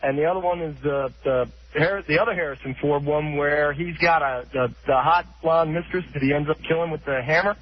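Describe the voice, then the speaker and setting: A man calling into a radio show, halting and searching for words. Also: on the high side. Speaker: caller. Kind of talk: call-in radio talk. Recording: dull lo-fi radio call.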